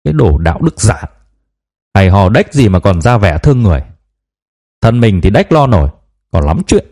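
A man's voice: fairly low pitch, big pitch swings, normal speed, mellow. A man reading the part of a scornful, foul-mouthed heavyset market woman in an audiobook, in a mocking, jeering manner.

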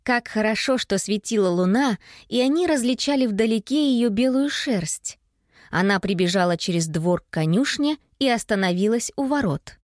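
A woman narrating a children's audiobook in an expressive storytelling manner. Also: fairly high pitch, normal speed, dry recording, studio quality.

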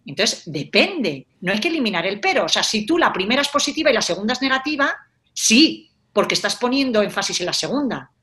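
Woman, life coach, animated, acts out example phrases, conversational. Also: a little high, a little fast.

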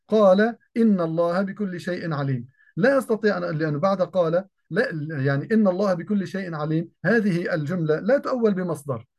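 A man teaching an Arabic grammar lesson, asking questions and then answering them, slowing down to repeat example sentences, with everyday dialect words mixed into formal speech. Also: sits high. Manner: repeats key phrases slowly and asks the class questions.

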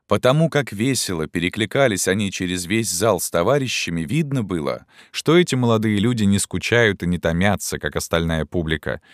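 Low-voiced guy reading an audiobook, dry close mic. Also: no room sound. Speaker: narrator. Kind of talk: audiobook narration.

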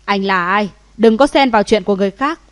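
A woman voicing a frightened young male thug who yells shrilly in an audiobook. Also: medium pitch, fast, lightly acted. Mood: blustering.

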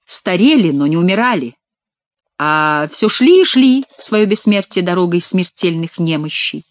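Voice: medium pitch, sing-song, normal speed, no echo, natural voice. A narrator voicing an earnest, deferential young male courtier in an audiobook. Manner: formal, deferential. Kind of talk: audiobook character reading.

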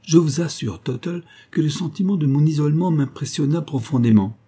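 A man's voice: fairly high pitch, fairly quick, dark tone, husky, voice pushed up. A man voicing a pompous, impatient middle-aged husband telling a story at dinner.

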